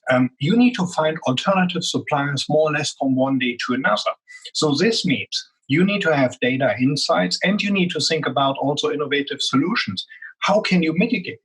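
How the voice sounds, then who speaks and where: A guest executive with a strong German accent explains things earnestly in a business interview, using lots of "um" fillers. His mid-range voice is husky and fairly bright, and the recording is rough.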